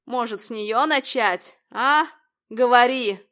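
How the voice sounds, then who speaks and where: A crude, brutal man barks his words loud and rough, as a woman reader puts him on. The voice sits somewhat high for a man and stays coarse and snarling. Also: slow. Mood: leering.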